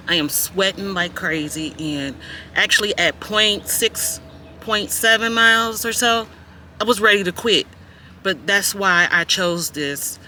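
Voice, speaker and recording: Chatty fifties woman, bright sharp voice. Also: on the low side, a little hiss or hum. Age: 50s. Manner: chatty, talks straight to viewers, many fillers. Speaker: vlogger. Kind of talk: casual self-filmed vlog chat. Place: outdoors at a park and in a parked car.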